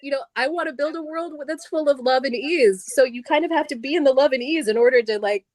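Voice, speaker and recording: A middle-aged woman appears as a guest on stage at a live event, talking casually and animatedly, laughing often and restarting her sentences. Her voice is high, fast, and darkish, with a dry, clean studio recording.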